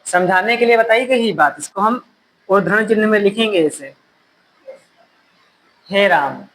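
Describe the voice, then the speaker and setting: A male teacher giving a classroom lecture, repeating key phrases slowly so students can write them down. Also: high-pitched, a bit bright, rough recording.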